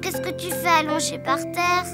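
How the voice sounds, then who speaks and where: A woman voicing a cheerful, curious little girl pig in a children's cartoon, polite and excitable, with simple childlike phrasing. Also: extremely high pitch, normal speed, loud music behind the voice.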